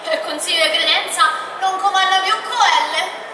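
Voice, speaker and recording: A gossipy, self-important wife played by a young woman talks in a high voice in a stage comedy. The recording is distant, noisy and echoing. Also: fairly even intonation, moderate pace. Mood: boastful, insistent. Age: young adult. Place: outdoor stage in a square. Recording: distant echoey noisy camera audio.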